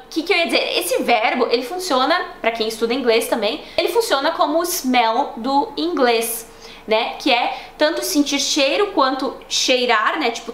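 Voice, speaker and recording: A young woman with a Brazilian Portuguese accent, teaching a casual online language lesson in a chatty, explanatory way that slows down to model words for practice. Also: sits high, fairly bright tone. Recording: roomy echo, faint background noise.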